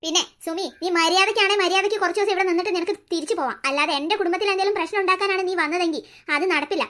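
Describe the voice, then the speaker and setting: A woman voicing a stern, short-tempered middle-aged husband in a cartoon, with a gruff, scolding delivery. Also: extremely high pitch, rapid-fire, fairly bright tone. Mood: angry. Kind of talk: cartoon dubbing.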